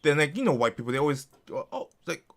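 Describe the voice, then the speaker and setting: A man's voice: on the high side, sing-song, racing. A man co-hosting a podcast, telling a work story in casual chat, acting out callers in different voices and swearing freely. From Connecticut. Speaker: podcast co-host.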